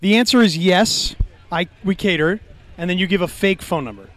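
A man co-hosting a podcast outdoors at a barbecue event, joking and rambling through loud asides in casual banter. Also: high voice, normal speed. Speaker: podcast co-host.

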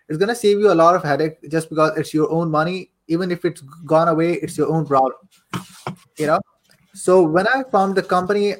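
A slightly high, somewhat bright voice belongs to a young man from Saudi Arabia, later Pakistan, who coaches and does affiliate marketing. Appearing as an interview guest on a podcast, he tells his story in a chatty, informal way and likes to repeat a phrase for emphasis.

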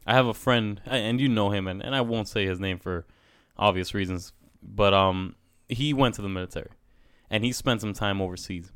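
A man's voice: fairly low pitch, moderate pace, few pauses, fairly bright tone, smooth, no room sound, studio quality. A man talking casually and emphatically at length, peppering his speech with bro. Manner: emphatic, talkative, says "bro" often. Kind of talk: casual conversational talk.

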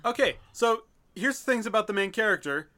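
A man's voice: sits high, expressive, a little fast, pushed and bright. A man on a casual podcast chat, ranting and swearing as he explains things.

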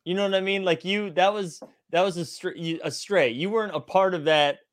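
A man co-hosting a podcast, laughing a lot and chiming in with quick questions. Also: sits high. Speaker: podcast co-host. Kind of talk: casual chat.

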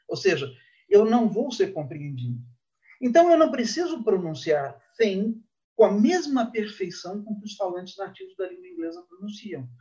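Guy explaining like a teacher, voice goes up and down a lot, kinda dull lo-fi sound. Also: high voice. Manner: didactic, measured, lively intonation. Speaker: linguist guest. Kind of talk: explaining in an interview. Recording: dull lo-fi audio.

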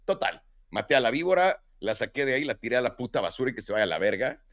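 A man's voice: mid-range voice, sing-song, fast, fairly bright tone. A man with a Mexican Spanish accent hosting a podcast, telling stories in casual chat full of slang and swearing, acting out quotes in raised voices. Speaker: podcast host.

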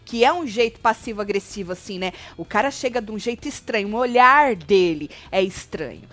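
A woman with a Brazilian accent co-hosting a casual web show, frank, slangy and animated as she gives her opinions. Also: medium pitch, fairly quick. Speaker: web TV co-host commenting on a reality show. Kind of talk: casual chat commentary.

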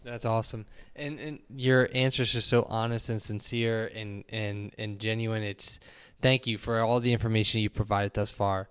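A man's voice: on the low side, fairly even intonation, moderate pace, smooth. A man hosting a podcast interview, asking questions politely and appreciatively, often stumbling over repeated words. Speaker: podcast host.

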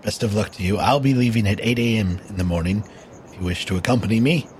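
A man's voice: on the low side, quick pace, a little hiss or hum, close to an everyday voice. A man voicing a haughty female mayor who talks in a clipped, dismissive way. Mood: curt. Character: haughty female town mayor, curt and disdainful.

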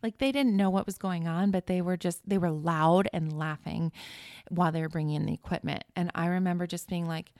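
An earnest woman recounts a personal story as a podcast guest, her voice carrying a gravelly creak. She talks with feeling and often restarts her sentences. The recording is dry, with no room echo. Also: on the low side, brisk, a little mellow. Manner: earnest, emotional, many restarts.

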